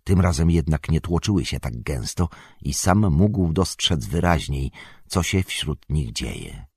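A man narrating an audiobook in an expressive, measured storytelling manner. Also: rumbling low, slightly rough, dry recording. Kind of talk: scripted narration.

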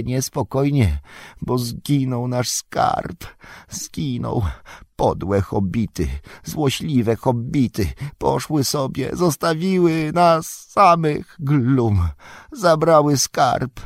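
A man reading an audiobook, voicing a wretched, sly male creature in a high, hissing whisper, drawn out and muttering to himself. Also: no echo, studio quality. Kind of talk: audiobook character voice.

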